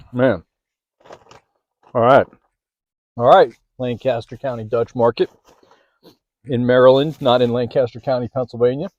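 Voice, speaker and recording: A man's voice: mid-range voice, darkish tone, dry recording, lo-fi sound. A man hosting a casual food vlog, chatting as he eats, sometimes with his mouth full, filming one-handed in a parked car. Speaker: food vlogger. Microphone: handheld phone or camera.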